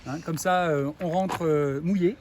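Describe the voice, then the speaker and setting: A man's voice: a little high, a little slow. A man chatting casually and informally as a guide, often groping for words. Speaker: cold-bath guide. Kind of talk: casual chat. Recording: loud vehicle and outdoor background noise.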